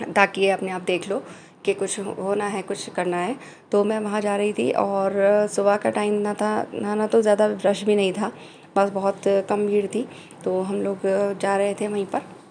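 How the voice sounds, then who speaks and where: A woman in her thirties narrating a family vlog in a chatty, easygoing way, with frequent fillers and pauses. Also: mid-range voice, gravelly, darkish tone, slight background noise. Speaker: family vlogger. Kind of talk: casual voice-over narration.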